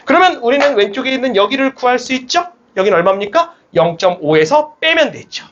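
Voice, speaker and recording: Brief: young male math tutor, high and animated voice, muffled classroom recording. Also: fairly quick. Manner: lively, coaxing, rallies students with shouts. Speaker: math academy teacher. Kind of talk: classroom lecture. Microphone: speaker amplified mic.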